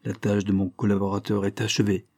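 A man voicing a calm, authoritative male chief inspector who speaks in a measured, firm way. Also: lowish voice, breathy edge, no room sound, studio quality.

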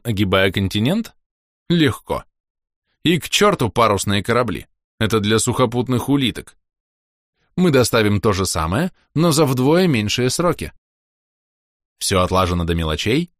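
A man narrating a fantasy audiobook in an expressive, wry storytelling manner. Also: on the low side, no echo, clean studio sound. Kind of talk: scripted narration.

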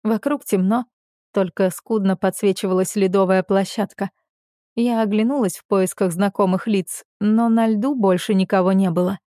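Mellow woman reading a first-person story. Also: medium pitch, fairly even intonation, moderate pace, no room sound, studio quality. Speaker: audiobook narrator. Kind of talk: first-person scripted narration.

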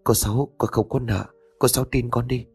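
A man's voice: medium pitch, steady tone, brisk, husky, in a large hall. A man voicing an evasive young husband in debt, who answers meekly and politely and calls out eerily in a dream.

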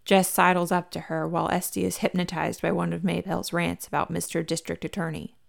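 A woman reading a fan fiction story aloud as a podfic, in an even, unhurried narration. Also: on the low side, gravelly. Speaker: podfic reader.

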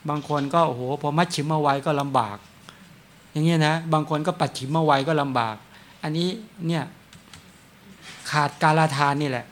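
A man's voice: fairly high pitch, moderate pace, pauses often, fairly bright tone, slight background noise. A man, a Buddhist monk giving a dharma talk, chatting through anecdotes and chuckling often.

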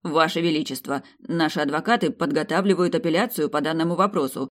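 A man's voice: a little high, fast, a bit bright, close to an everyday voice. A man voicing an anxious, sweating minister of justice trying to placate his ruler in an audiobook.

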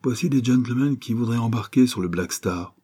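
A man voicing an eager, chatty harbor local with a pipe, speaking high and lively over his own husky voice. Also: fairly quick, lightly acted. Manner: eager, pitched up.

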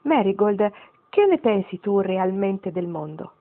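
A woman's voice: mid-range voice, lively intonation, a little slow. A wry, tender great-grandmother from a storybook, musing over the old days, as a woman reads her part. The sound is narrow and phone-like. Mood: wistful.

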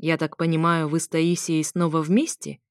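A gentle middle-aged father in an audiobook, voiced by a woman narrator. He speaks tactfully and with some hesitation. The voice is low and the recording is dry. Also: little pitch movement, normal speed, dry recording. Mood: mild.

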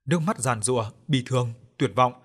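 A man's voice: medium pitch, fairly quick, a bit bright, slightly rough. A man narrating a horror audiobook in a dramatic storytelling manner.

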